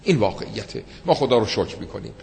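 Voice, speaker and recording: Gravelly low-voiced man preaching in a reverberant hall. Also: animated, darkish tone. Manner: slow, emphatic, rising to impassioned peaks. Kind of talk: religious sermon with told stories.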